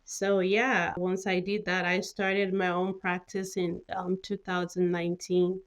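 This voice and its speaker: A middle-aged Cameroonian woman speaks in a lowish, unhurried voice with little pitch movement. As a mental health nurse practitioner guesting on an interview, she keeps things informal, with plenty of conversational filler and repeated "you know"s.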